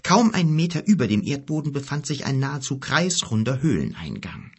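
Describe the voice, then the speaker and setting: Male audiobook narrator, husky, lively intonation, storybook reading. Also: mid-range voice, a little fast.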